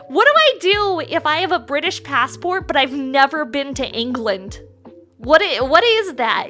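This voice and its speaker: A woman with a very high, bright voice hosts a livestream. She talks in a cute, bubbly anime-streamer manner, casual and excitable as she banters with viewers. Faint music plays behind her. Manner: crude, playful swearing banter. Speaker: live streamer host.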